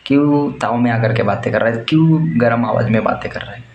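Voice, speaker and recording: A man's voice: mid-range voice, brisk, darkish tone, highs cut off. A young man gives blunt, crude, fired-up life advice in a casual motivational monologue. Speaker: warehouse worker giving life advice. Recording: roomy echo, faint background noise.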